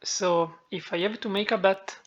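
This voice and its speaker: A woman with a heavy Italian accent walking through a software tutorial, thinking aloud and correcting herself as she goes. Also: mid-range voice, steady tone, moderate pace. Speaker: tutorial maker. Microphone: phone. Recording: dull lo-fi phone-mic recording.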